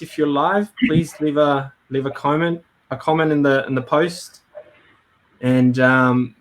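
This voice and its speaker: A man's slightly high, a bit bright voice hosts a live webinar from Brisbane. The talk is a casual live stream, hesitant and peppered with fillers and restarts.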